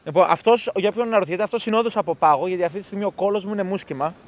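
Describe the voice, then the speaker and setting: Upbeat high-voiced young man vlogging. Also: a little hiss or hum. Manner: jokey, addresses viewers directly. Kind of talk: casual travel vlog chat. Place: outdoors in the cold.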